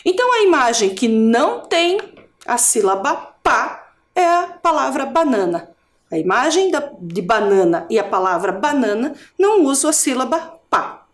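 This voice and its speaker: A woman teacher with a Brazilian Portuguese accent from Curitiba, giving an adult education video lesson, drawing out syllables slowly and asking the viewer questions. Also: sits high, sing-song. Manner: slow, drawn-out syllables for drilling.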